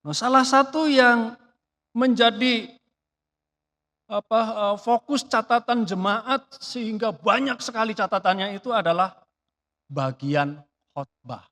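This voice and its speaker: A man preaching a sermon in a church, chatty and lively, with rhetorical questions and sudden swings between loud emphatic bursts and quiet asides. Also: sits high, measured pace, long pauses. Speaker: pastor.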